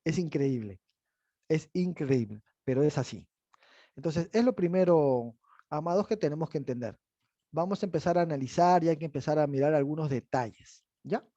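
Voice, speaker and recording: A man leads a bible lesson in a slightly higher, mellow, dark-toned voice. He explains patiently and keeps checking that his listeners follow along. The sound is dry and a little dull, without much room around it. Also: normal speed, dry recording. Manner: explanatory, asks the audience "¿verdad?". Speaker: bible teacher. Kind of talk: teaching a bible class.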